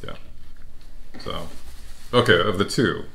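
A middle-aged man co-hosting a food tasting, talking casually in a relaxed, halting way at a table at home. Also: low-pitched. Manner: relaxed, halting, repeats words while recalling. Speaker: food channel co-host. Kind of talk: casual taste-test chat. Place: dining room at home, seated at a table.

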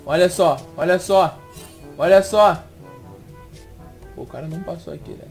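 A young man gives gameplay commentary. He is excitable and swings from muttering to shouted outbursts. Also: on the high side, normal speed, gravelly, soft background music. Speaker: gaming video host.

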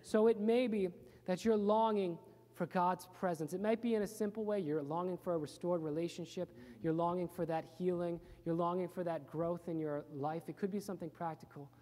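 A man's voice: high voice, fairly even intonation, a little fast, dark tone. Earnest male pastor preaching. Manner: earnest, plain-spoken preaching with repeated phrases. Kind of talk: sermon. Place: church. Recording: reverberant church hall.

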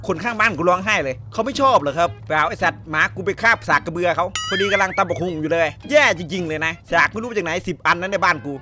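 Rapid, bright-voiced joking game streamer man. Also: sits high, soft background music. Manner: rowdy, joking and crude, full of swearing and banter. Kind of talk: comedic gameplay commentary.

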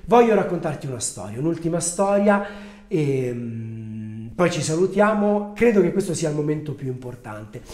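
Male livestream host, earnest storyteller, slightly higher voice, roomy echo. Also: big pitch swings, a little mellow. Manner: earnest, storytelling, slows down for emphasis. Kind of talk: casual livestream talk with a Bible reading.

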